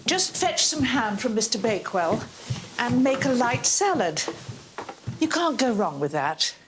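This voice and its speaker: A woman's voice: fairly high pitch, big pitch swings, background noise. An actress playing an earnest, principled lady of the house in a period drama. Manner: earnest, brisk.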